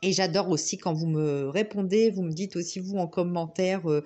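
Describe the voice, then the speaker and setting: A woman's voice: lowish voice, normal speed, dark tone. A woman from northern France with a Ch'ti accent, chatting casually to her viewers in a hesitant, rambling way full of fillers. She has a head cold and a sore throat, so her voice sounds stuffy, nasal and slightly hollow. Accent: northern French (Ch'ti). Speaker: crafting vlogger.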